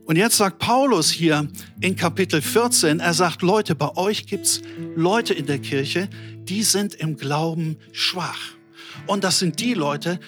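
Middle-aged man, high voice, animated preacher, talks straight to his online audience. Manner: animated, addresses listeners directly, storytelling; colloquial with English words. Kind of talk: lively sermon to an online audience.

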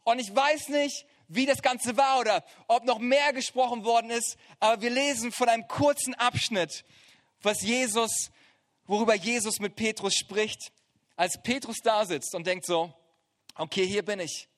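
A middle-aged man preaching a sermon, retelling scripture as a lively story with casual, joking asides. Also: very high-pitched, normal speed.

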